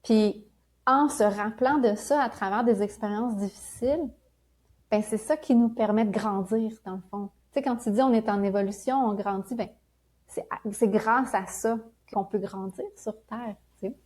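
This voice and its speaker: A woman from Quebec with a Québécois accent, a spiritual guest talking in a gentle, reflective way and laughing often. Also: medium pitch, normal speed. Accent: Québécois French. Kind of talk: casual conversational interview.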